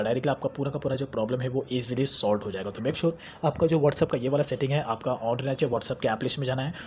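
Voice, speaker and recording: A man's voice: mid-range voice, dark tone, slight background noise. A young man hosting a phone tech tutorial, chatty and repetitive, mixing English terms into Hindi as he walks through settings. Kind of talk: screen-recorded how-to tutorial.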